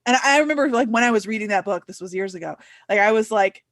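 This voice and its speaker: A woman's voice: mid-range voice, expressive, fast, a bit bright, dry recording, studio quality. A young woman hosting a casual book chat, talking with lots of fillers and putting on playful voices when quoting. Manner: chatty, many "like" fillers, playful quoted voices. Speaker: booktuber host.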